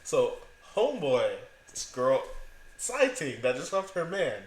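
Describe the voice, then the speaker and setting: A man co-hosting a casual podcast, telling stories in animated bursts with rising emphasis. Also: on the high side, measured pace. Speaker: podcast co-host. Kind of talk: casual storytelling chat. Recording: echoey room with faint background noise.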